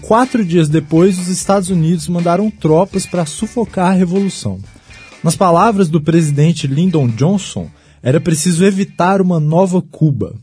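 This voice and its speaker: High-pitched Brazilian man narrating over music. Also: warm tone. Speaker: narrator and host. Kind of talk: scripted history narration for a music show.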